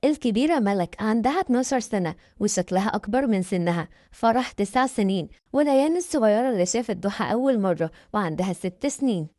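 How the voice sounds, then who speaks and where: A woman's voice: mid-range voice, expressive, quick pace, few pauses, mellow, no echo, clean studio sound. A woman with an Egyptian Arabic accent narrating a family story. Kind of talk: scripted narration.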